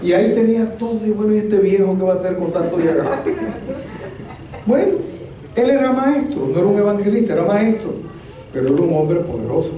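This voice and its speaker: A man's voice: high voice, expressive, fairly quick, warm tone. A male pastor, telling a humorous story as part of a sermon. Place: church. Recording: echoey church hall, distant mic.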